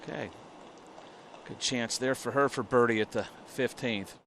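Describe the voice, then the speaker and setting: A man's voice: mid-range voice, measured pace. A man commentating live on golf, following each shot and putt and reacting to how it turns out. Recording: noisy outdoor background.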